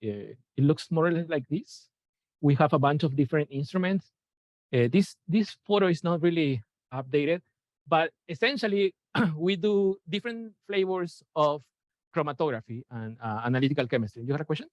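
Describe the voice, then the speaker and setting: A Peruvian NASA chemist, lecturing informally on science, hesitates with many fillers and self-corrections yet sounds animated. His voice is on the high side with a darkish tone and normal speed, recorded dull and dry by a room mic shared on Zoom.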